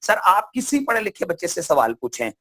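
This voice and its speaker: A man's voice: high voice, very animated, moderate pace, sharp tone. A man from Pakistan giving a motivational seminar talk, asking questions and answering them himself. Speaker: seminar speaker.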